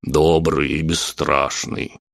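A cheeky talking dog from an audiobook, drawling its words slowly in a low, dark voice, as a man puts it on. The sound is dry and close, with no room around it. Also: level tone, vocal fry, no echo, heavily acted. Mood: grateful.

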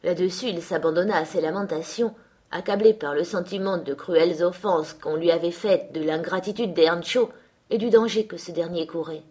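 Husky woman reading a classic novel. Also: lowish voice. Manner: measured, even storytelling. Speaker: audiobook reader. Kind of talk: scripted narration.

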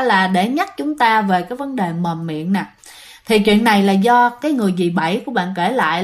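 A woman telling ghost stories in a casual, chatty way, often turning to her listeners. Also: medium pitch. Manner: chatty, keeps addressing listeners, many fillers. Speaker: ghost story narrator. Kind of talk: casual spoken storytelling.

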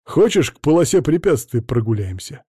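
A man's voice: medium pitch, very animated, moderate pace, dark tone, slightly rough, no echo, clean studio sound. A man reading an audiobook, voicing an older man who is a playful, tough grandfather given to bantering.

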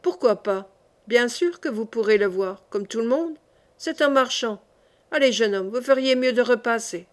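Woman reading burly sullen workman, raspy, blunt and dismissive, storybook reading. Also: a little high, moderate pace, natural voice. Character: hulking male workman, sullen and gruff.

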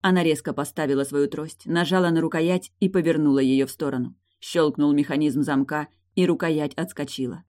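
Low-voiced woman narrating an audiobook. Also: fairly even intonation, brisk, hardly any pauses, a little mellow. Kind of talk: scripted narration.

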